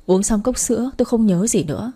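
Woman with a dark, husky storytelling voice. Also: a little high, a little fast. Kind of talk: scripted narration of a dramatic story.

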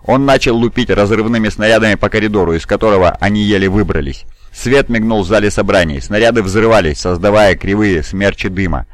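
A man narrating an audiobook in a steady reading voice. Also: lowish voice, fairly quick, no room sound. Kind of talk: scripted narration.

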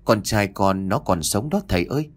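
A man's voice: on the low side, animated, moderate pace, husky. A man voicing a grief-stricken old father who pleads and wails in a frantic voice for a horror audio story. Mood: frantic wailing. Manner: wailing, begging.

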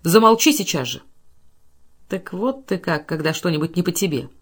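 Casting: a woman doing a furious, domineering man, barking hoarse commands, audiobook. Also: fairly low pitch, animated, brisk. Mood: rough threats. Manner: shouting orders, rough and hoarse. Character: powerful enraged man, harsh and commanding.

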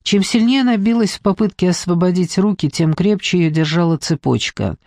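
High-voiced male audiobook narrator. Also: a little fast, darkish tone, no room sound, studio quality.

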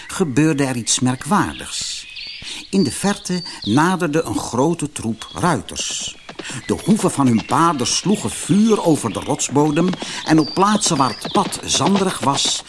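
Lively male storybook narrator. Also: mid-range voice, noisy background. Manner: lively, expressive reading with voiced characters.

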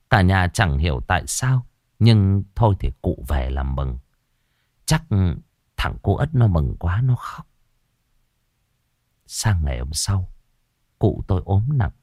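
A man's voice: lowish voice, a little mellow, dry recording, clean studio sound. A man narrating a ghost story with dramatic, suspenseful delivery.

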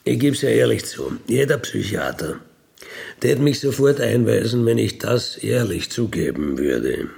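A middle-aged or older man with an Austrian accent, an ex-convict, candidly recounts his life story in a colloquial, matter-of-fact, unapologetic way. His fairly low, creaky voice has a darkish tone and is very animated, moving a little slowly. It comes across as a candid conversational recollection.

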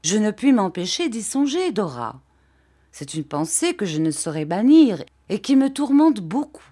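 A woman's voice: medium pitch, very animated, normal speed, breathy edge, voice pushed up. Woman reading as an earnest young husband. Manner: gentle, pleading. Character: earnest young husband, patient, gently reproachful. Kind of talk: audiobook reading.

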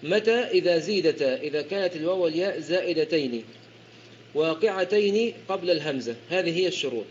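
A man's voice: a little high, lively intonation, fast. A man teaching the rules of Quran recitation in an explanatory lecture, often repeating and correcting himself as he goes. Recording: dull lo-fi recording with faint hiss.

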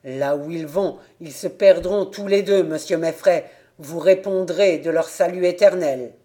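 A woman's voice: fairly low pitch, measured pace, dark tone, lightly acted. A woman reading the part of a proud, tall old peasant farmer and father who speaks earnestly and solemnly.

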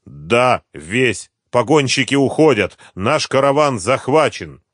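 A man's voice: medium pitch, lively intonation, slow pace, no room sound, studio quality, pitched above the performer's own voice. A man voicing an angry, hot-tempered smuggler in an audiobook. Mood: tense. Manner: angry, shouting.

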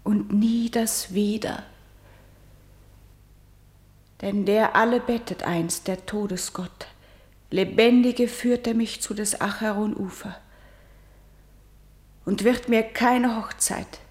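An actress playing Antigone, a doomed young woman who is defiant and grieving, declaiming verse in a radio drama and swinging between loud cries and whispers. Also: fairly high pitch, slow. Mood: solemn. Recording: roomy studio echo.

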